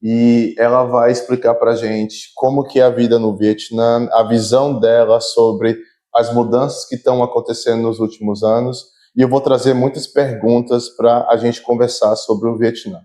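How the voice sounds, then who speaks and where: A male host with a mellow, darker tone runs a casual interview. He asks friendly, talkative questions. His speech moves at an easy conversational pace. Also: mid-range voice, flat delivery, a little fast.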